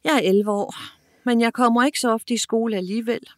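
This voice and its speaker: A woman voicing a gentle, modest eleven-year-old boy in a children's audiobook, speaking softly. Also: a little high, fairly even intonation, no echo, clean studio sound, lightly acted. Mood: calm.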